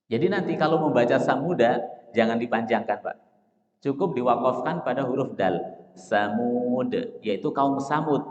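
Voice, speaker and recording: A man teaching a dawn study lecture in a mosque, addressing listeners as Pak and Bapak Ibu, asking questions and answering them himself, and slowly reciting example phrases. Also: mid-range voice. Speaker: Islamic teacher. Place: mosque hall. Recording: echoey mosque hall, dull lo-fi sound.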